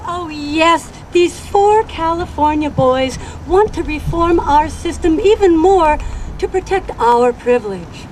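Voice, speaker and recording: Female performer as pompous wealthy socialite for a satirical skit, high pitch, unhurried, grandly genteel. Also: lively intonation, exaggerated voice, low-quality recording. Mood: smug, playful. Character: pompous, privileged rich society woman mocking taxes. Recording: outdoor recording, faint traffic noise.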